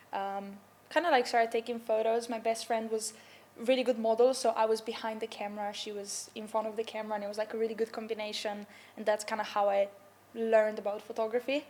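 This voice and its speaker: Chatty young woman from Slovenia, high voice. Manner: chatty, filler-heavy, upbeat. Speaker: filmmaker and content creator. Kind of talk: casual conversation.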